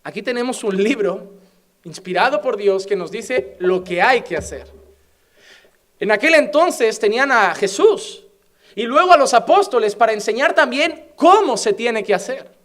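A man's voice: very high voice, animated, normal speed, a bit bright. A middle-aged man with a Spanish accent from Spain, preaching a sermon with passion and many rhetorical questions. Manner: passionate, rhetorical questions, builds to fervent exhortation.

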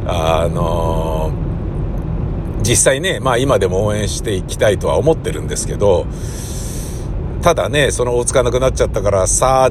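A middle-aged man talks on his own in a loose, rambling way, full of fillers and little acted-out quotes. His voice sits at an ordinary pitch for a man. A faint vehicle rumble runs underneath. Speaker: podcast host. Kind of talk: casual solo talk.

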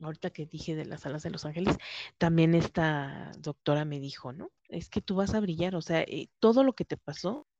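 A woman's voice: low voice, normal speed, background noise. A woman with a Mexican accent chatting casually as a podcast co-host, telling stories and acting out what others said. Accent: Mexican Spanish. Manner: chatty storytelling that acts out quoted voices. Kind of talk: casual chat. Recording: dull lo-fi recording.

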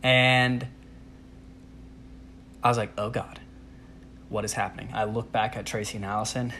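At a normal pace and a fairly low pitch, a young man shares a humorous personal story, casually and animatedly acting out his own reactions with self-deprecating humor. A little hiss or hum sits under the recording.

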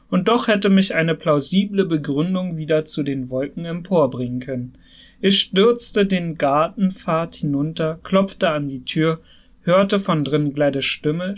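Man reading a novel with feeling. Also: on the high side. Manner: expressive, emotionally charged reading. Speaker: audiobook narrator. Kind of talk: scripted literary narration.

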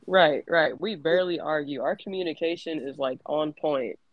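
A woman's voice: sits low, normal speed, lo-fi sound, a crowd in the background. A woman guest in a casual chat, cheerful, laughing often and giving short replies.

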